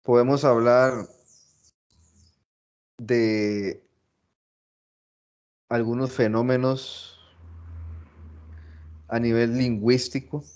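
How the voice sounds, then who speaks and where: Slow, repetitive male philology teacher. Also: lowish voice, darkish tone, highs cut off. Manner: slow, repeats phrases, restarts, stresses example words. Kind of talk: recorded class lecture.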